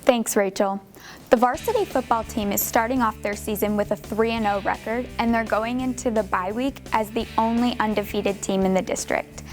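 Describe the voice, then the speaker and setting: A woman's voice: on the high side, moderate pace, soft background music. Teen girl reading sports news. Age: teens. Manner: scripted, steady. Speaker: student sports anchor.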